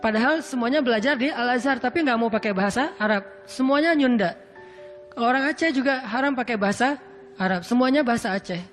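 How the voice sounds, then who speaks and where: A man preaching in a relaxed, conversational sermon style, drawing out quoted Arabic verses slowly. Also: very high-pitched. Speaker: Islamic preacher. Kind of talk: casual sermon. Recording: hall reverb with faint music.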